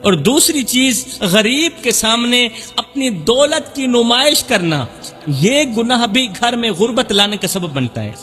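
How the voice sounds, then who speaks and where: A man's voice: very high-pitched, expressive, bright, forceful tone, long reverb tail. A male Islamic preacher, giving an emotional sermon full of repeated lines that build to cries. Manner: impassioned, repetitive, rising to cries.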